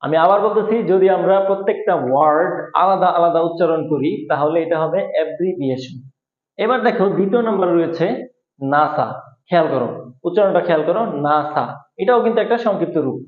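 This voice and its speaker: A man teaching an English lesson at a board, explaining slowly and repeating each point. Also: high voice. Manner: slow, repetitive explaining, spelling out letters. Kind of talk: whiteboard lesson. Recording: echoey room, tinny phone-like sound.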